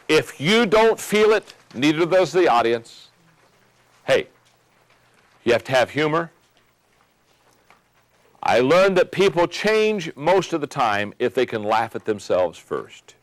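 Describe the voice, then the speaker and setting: An older man teaches leadership in a motivational talk, stressing key phrases and drawing out words for effect. His voice is mid-pitched and sits close and dry, with no room sound around it. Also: dry recording. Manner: emphatic, varies pace for effect, repeats key phrases.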